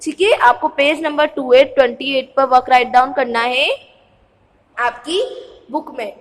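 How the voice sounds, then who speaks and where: High-voiced woman teacher drilling letter sounds. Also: steady tone, big-room sound, low-quality recording. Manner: slow, sing-song drilling of letter sounds, repeating each word; speaks of herself as ma'am in third person. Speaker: primary school teacher. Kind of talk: Hindi phonics lesson for young children.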